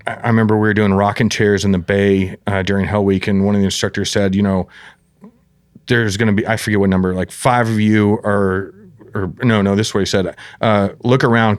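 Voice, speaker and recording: A man's voice: on the low side, fairly even intonation, fast talker, clean tone, dry recording, studio quality. A man hosting a casual interview podcast, rambling and chiming in with short affirmations. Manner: rambling, many fillers and affirmations. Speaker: podcast host.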